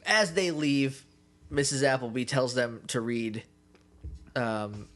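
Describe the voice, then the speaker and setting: A man's voice: medium pitch, takes it slowly, a bit bright. A man co-hosting a podcast, recapping an episode in casual, rambling chat and joking as he goes. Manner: rambling, joking, acts out bits. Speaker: podcast co-host.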